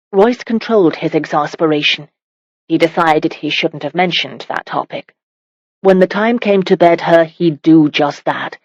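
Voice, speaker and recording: Brief: woman audiobook narrator, measured and calm, very dry close sound. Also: low-pitched, no room sound. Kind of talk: scripted romance narration. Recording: dull lo-fi recording.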